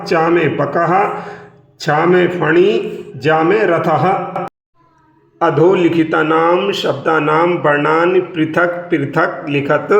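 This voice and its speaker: A man teaching a classroom lesson, carefully pronouncing each sound and word as a drill. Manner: slow, careful pronunciation drill. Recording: roomy, dull low-fi sound.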